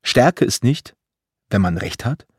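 A man in his thirties from Germany narrating a personal story in a measured, vivid, dramatic way. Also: medium pitch, lively intonation, breathy edge, no room sound, studio quality.

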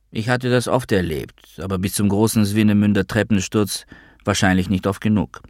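A man reading a first-person novel as an audiobook in a measured, wry way. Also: deep voice, no echo, studio quality. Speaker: narrator.

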